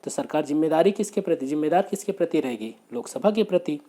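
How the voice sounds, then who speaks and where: A man teaching exam prep, working briskly through quiz questions, asking rhetorical questions and repeating the answers. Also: fairly high pitch, expressive, dark tone. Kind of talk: exam question walkthrough lecture.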